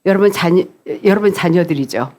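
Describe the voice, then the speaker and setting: A man's voice: high voice, brisk, darkish tone. A man interpreting a sermon live, hesitant, with fillers and restarts as he catches up.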